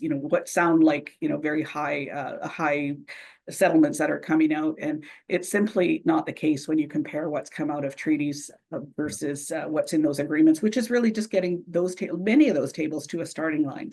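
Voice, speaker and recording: Gravelly-voiced woman moderating a forum panel. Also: low voice. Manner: warm, appreciative, halting with fillers.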